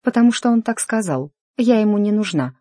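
A reader voicing an emotional young noblewoman in an audiobook, speaking in a pleading, higher voice. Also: animated, fairly quick, warm tone, no echo, studio quality, close to an everyday voice. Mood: sad. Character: young noblewoman, agitated and hurt. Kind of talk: audiobook character dialogue.

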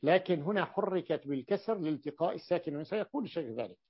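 A man's voice: on the high side, expressive, quick pace, slightly rough, no room sound, highs cut off. A man teaching a grammar lesson, explaining step by step and repeating key points for his students.

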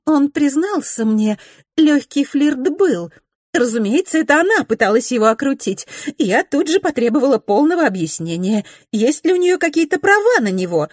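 A woman voicing an excitable young society widow who talks in a high, breathless, gushing rush. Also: normal speed, no echo, studio quality.

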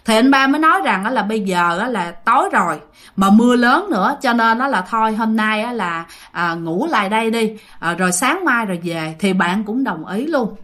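A woman's voice: on the high side, lively intonation, moderate pace, fairly bright tone. Chatty woman telling ghost stories. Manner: chatty, many fillers, addresses listeners directly. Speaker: storyteller. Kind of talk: casual ghost story narration.

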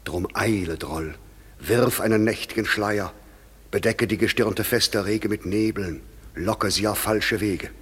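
A man with a fairly low, slightly bright, breathy voice speaks slowly and in an exaggerated way. He acts a solemn, commanding fairy king declaiming verse with stately gravity in a classic German radio play. The recording has long reverb with music underneath.

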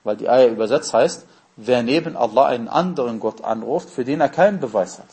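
A man's voice: mid-range voice, a little fast, a little mellow. A man giving a religious lesson, explaining terms step by step and answering his own questions. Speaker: Islamic teacher.

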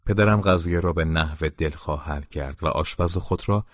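A man with a very deep voice narrates an audiobook in a steady, measured way. The recording is dry and close with no room sound. It is a little dull and muffled. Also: dry recording.

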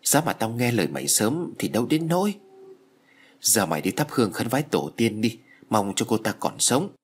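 A man's voice: fairly low pitch, very animated, moderate pace, slight background noise. A man voicing his reckless young friend in an audiobook story. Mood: shaken. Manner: rough, swaggering, later shaken.

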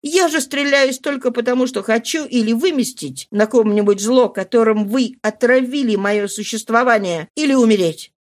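A woman's voice: on the high side, moderate pace, few pauses, natural voice. A woman reading a novel aloud, voicing a proud, betrayed husband who speaks with cold reproach. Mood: bitter, accusing.

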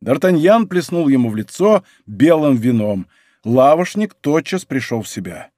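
A man narrating a historical adventure novel in expressive scripted storytelling. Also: medium pitch, normal speed, no echo, clean studio sound. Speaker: audiobook narrator.

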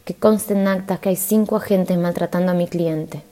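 A woman's voice: fairly low pitch, steady tone, normal speed, dark tone, close to an everyday voice. A woman reading the lines of a defiant female defense lawyer, voicing insistent objections.

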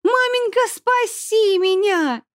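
Shrieking spoiled girl, whiny, very high pitch, swooping, storybook reading. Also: animated, slow, a bit bright, no echo, clean studio sound, exaggerated voice. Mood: wailing. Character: shrill spoiled little girl, whiny and tearful.

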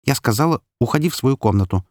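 A man's voice: mid-range voice, animated, quick pace, dry recording, studio quality, pitched above the performer's own voice, lightly acted. A man voicing a frightened yet defiant mother in an audiobook, speaking in a raised voice. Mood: stern. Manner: pleading, then sharp and scolding. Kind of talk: audiobook character voice.

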